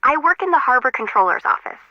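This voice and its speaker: High, very animated and fast, a woman's voice in a dry recording brings to life a quirky young female harbor intern in a game. The young adult character rambles in a chatty, self-mocking way, and everything sounds muffled and lo-fi.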